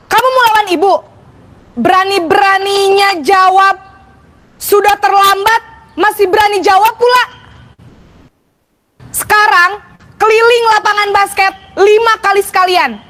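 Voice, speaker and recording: A woman's voice: extremely high pitch, steady tone, unhurried, sharp tone, full character voice. A woman playing a schoolteacher in a classroom role-play, scolding a late student, then sighing and guilt-tripping him.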